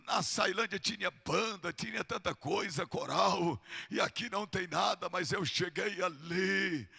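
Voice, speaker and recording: An older man, a pastor with a Brazilian Portuguese accent, preaching a fervent sermon in a thick, gravelly voice that swells into shouting. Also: sits high, measured pace.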